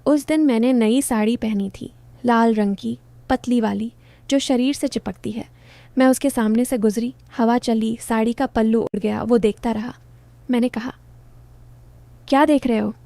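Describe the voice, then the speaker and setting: Soft-voiced woman telling a story. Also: on the high side, fairly even intonation, normal speed, dry recording. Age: 20s. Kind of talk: first-person story narration.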